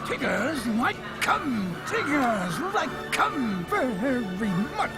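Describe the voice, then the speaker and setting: Tigger, a squealing bouncy tiger. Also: male voice, very high voice, big pitch swings, loud music behind the voice, voice pushed up, exaggerated voice. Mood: exuberant. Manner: squealing, drawn-out exclamations. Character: bouncy excitable male cartoon tiger.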